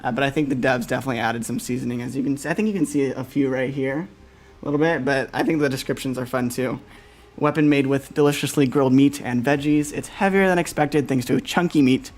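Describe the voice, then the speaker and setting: A man's voice: medium pitch, quick pace, faint music behind. Guy hosting a game showcase stream, chatty and upbeat, keeps cracking up, ums a lot. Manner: upbeat, laughs easily, many fillers. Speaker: livestream host. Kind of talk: casual game showcase livestream.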